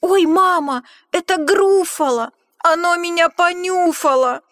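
A woman voicing a small, clever, boastful male mouse in a squeaky voice for a storybook reading. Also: slow pace. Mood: scared. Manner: bold, cocky, high excited cries. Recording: long hall reverb.

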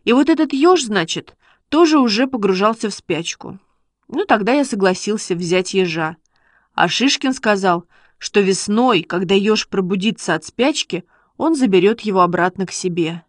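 A woman narrating a children's story in a steady, measured reading. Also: mid-range voice, dry recording, clean studio sound. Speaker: audiobook reader.

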